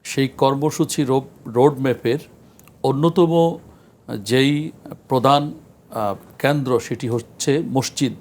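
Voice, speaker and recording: A man, a scholar guest on a religious talk show, speaking in an earnest, measured lecturing way with frequent pauses. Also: medium pitch, darkish tone. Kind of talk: studio discussion on a religious show.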